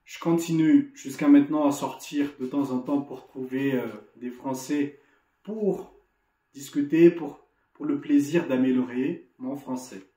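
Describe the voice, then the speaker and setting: Man, Malagasy accent, mellow voice, echoey room, motivational talk, video call. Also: mid-range voice, steady tone, measured pace. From Madagascar. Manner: earnest, encouraging, with frequent restarts and repeated words. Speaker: association delegate giving an opening lesson. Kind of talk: motivational speech to students.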